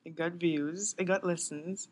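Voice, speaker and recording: A young adult woman co-hosting a casual podcast, chatty and quick to laugh, trailing off with filler words. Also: on the low side, fairly even intonation. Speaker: podcast co-host. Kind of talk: casual chat.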